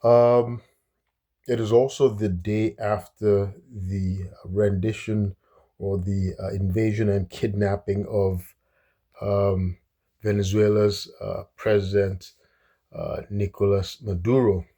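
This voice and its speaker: A man's voice: lowish voice, flat delivery, slow pace, warm tone. A man from Nigeria giving casual solo commentary on politics, speaking hesitantly with many fillers and restarts.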